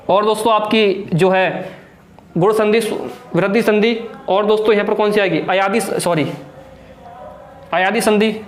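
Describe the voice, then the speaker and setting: High-voiced young male Hindi tutor. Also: echoey room, a little hiss or hum. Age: young adult. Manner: exhorting, calls viewers friends and brother, asks then answers own questions. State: sweating. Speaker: Hindi grammar teacher. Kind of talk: exam-prep whiteboard lesson.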